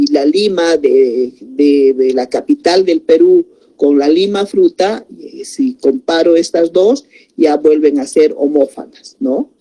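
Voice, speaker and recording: Slow, dark-voiced woman teaching. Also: low-pitched. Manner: slow and explanatory, repeats words, many tag questions. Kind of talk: spelling lesson.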